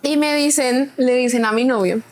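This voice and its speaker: A young adult woman, guest on an interview, telling a personal story in an animated way and acting out what others said. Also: high-pitched, normal speed. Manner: animated, acts out quoted voices. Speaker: guest, cultural curator.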